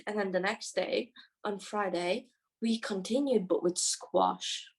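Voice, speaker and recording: A woman's voice: mid-range voice, takes it slowly, creaky, poor audio. A teenage girl co-hosting a podcast, chatting casually and rambling through stories. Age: teens. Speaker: podcast co-host. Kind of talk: casual chat.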